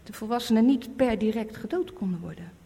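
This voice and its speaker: A woman's voice: on the high side, expressive, brisk, creaky, dark tone, slightly rough. A woman preaching a sermon, emphatic and repeating her warnings. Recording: echoey hall.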